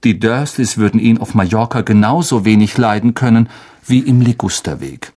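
A man narrating a children's story in an expressive audiobook style. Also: fairly low pitch, moderate pace.

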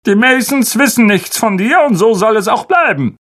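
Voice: mid-range voice, expressive, normal speed, a bit bright. A reader playing a pompous, self-important uncle who orders his family around. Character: pompous, bossy middle-aged uncle.

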